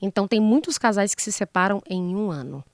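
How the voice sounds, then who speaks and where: A woman's voice: mid-range voice, lively intonation, a little fast, dry recording. A woman psychologist, explaining relationship advice in an interview with rhetorical questions and acted-out example lines. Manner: didactic, acts out example dialogues, rhetorical questions. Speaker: psychologist guest.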